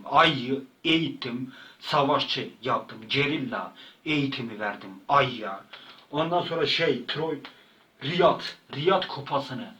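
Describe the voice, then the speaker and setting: A man's voice: mid-range voice, sharp tone, distant mic, low-quality recording. A man telling a rambling comic story in casual slang, often repeating and stumbling over words. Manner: repetitive, slangy, stumbling retelling. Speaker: channel host.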